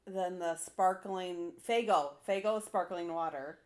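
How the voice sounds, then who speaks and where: A woman's voice: lowish voice, a little slow, darkish tone. A woman co-hosting a podcast in casual chat, teasing and joking with dry asides. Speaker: podcast co-host.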